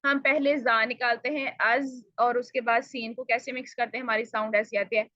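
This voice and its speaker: A woman with a slightly high voice teaches pronunciation, explaining patiently and saying each sound again and again so it can be copied. She addresses the learners politely. The recording is dry and a little dull, with no room sound. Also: steady tone, pushed and bright, no room sound. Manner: explains patiently and repeats sounds slowly to demonstrate. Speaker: tajweed teacher.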